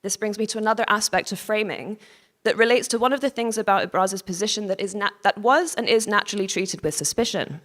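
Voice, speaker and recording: A woman's voice: mid-range voice, fairly bright tone. Woman lecturing in a reverberant hall. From Hong Kong. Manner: measured, formal reading with occasional restarts and apologies. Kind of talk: reading a prepared conference lecture. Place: conference hall.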